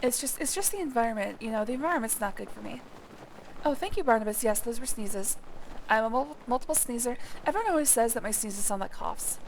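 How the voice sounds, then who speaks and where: A woman streaming a video game, talking casually through her play with joking asides and quick apologies. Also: fairly high pitch, lively intonation, a little hiss or hum. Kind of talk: casual let's-play commentary.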